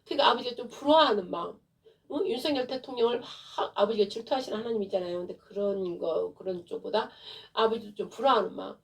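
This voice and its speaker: Gravelly fervent woman pastor preaching. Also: mid-range voice, fast, recorded from a distance. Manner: fervent, rising into wailing prayer. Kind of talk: impassioned sermon.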